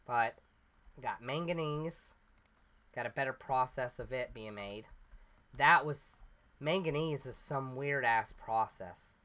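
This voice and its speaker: The man speaks slowly, his medium-pitched voice bright and forceful, as he casually narrates his gameplay for a let's play. He wanders from step to step with fillers, sounding slightly congested while recovering from sickness.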